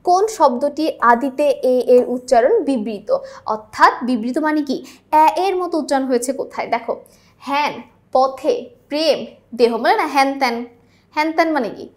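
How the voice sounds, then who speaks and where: A young woman with a high, bright-pitched voice works through exam questions like a patient tutor. She keeps stopping to ask whether the listener follows before giving the answer. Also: a little fast. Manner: checks in with rhetorical questions. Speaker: teacher. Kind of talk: exam-prep lesson explaining answers.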